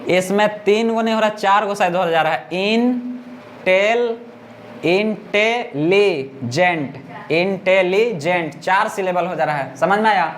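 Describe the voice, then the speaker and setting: A male teacher, teaching grammar in class, repeating words slowly and often asking his students whether they understood. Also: sits high, steady tone, a bit bright, slight background noise.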